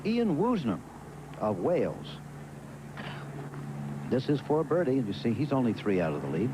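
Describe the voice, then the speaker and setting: An American man giving live golf commentary as lead television announcer, in a measured, formal way with pauses. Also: mid-range voice, very animated. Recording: noisy outdoor broadcast, vehicle and ambient sound.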